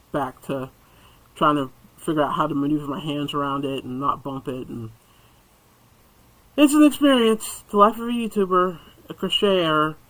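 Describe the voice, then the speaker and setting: A chatty man talks through his crochet work in a bright, sharp voice pitched a touch high. He rambles casually and drops muttered asides to himself as he works, picked up by a camera mic set over his hands. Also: rough recording. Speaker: crochet YouTuber reviewing hooks.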